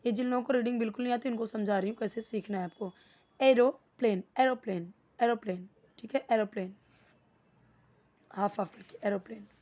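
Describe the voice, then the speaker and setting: A woman teaching English to beginners, patiently repeating each word slowly and breaking it into parts. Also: on the high side, fairly even intonation, warm tone, lo-fi sound. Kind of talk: spoken English lesson for beginners.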